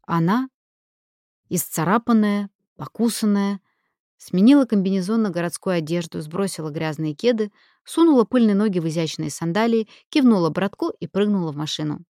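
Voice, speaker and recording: A woman narrating an audiobook in a measured, expressive way. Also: mid-range voice, no echo, studio quality.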